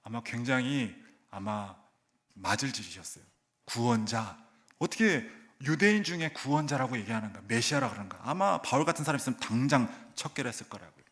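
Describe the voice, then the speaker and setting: A middle-aged male pastor delivers a sermon in a church, at a mid-range pitch. He presses hard on key words and then drops to a soft, low hush. He slips into acted voices for the people in the story he tells. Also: lively intonation, fairly quick. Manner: emphatic preaching, swinging between loud calls and soft, low asides; acts out voices of crowd and characters. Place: church sanctuary.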